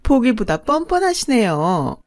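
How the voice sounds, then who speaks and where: A woman's voice: on the high side, sing-song, a little slow, a little mellow, no room sound, voice pushed up. A woman voicing a brazen, snobbish middle-aged mistress who talks in a sneering, condescending way.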